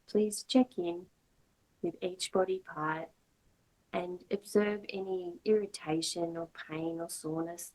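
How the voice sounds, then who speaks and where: Leading a guided meditation, a female yoga teacher speaks gently and soothingly in brief, measured phrases with long silences between. Her voice is lowish and distinctly husky, captured on a rough recording.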